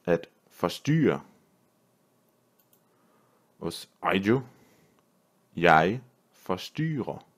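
A man, a language teacher, reading a vocabulary list word by word with pauses and repeating each phrase. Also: sits low, big pitch swings. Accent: Danish. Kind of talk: slow vocabulary drill reading.

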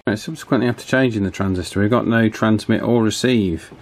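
A man with a voice on the low side speaks briskly while giving a casual repair demonstration, hesitating a little as he reasons out loud. The hobbyist presenter works in a small office workshop; the recording is clear apart from wind noise from a table fan.

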